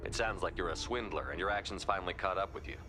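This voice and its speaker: A man's voice: deep voice, quick pace, background noise, lightly acted. An actor playing a firm, no-nonsense male commander in a video game, direct and clipped. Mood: stern, threatening.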